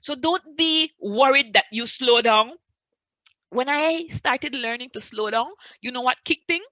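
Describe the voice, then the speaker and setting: A woman speaks slowly in a bright, forceful voice, giving a motivational wellness talk to a live online audience. She repeats her phrases, pushing some lines loud and dropping others to near-whispers. The sound is dry and close. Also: high voice, dry recording, low-quality recording.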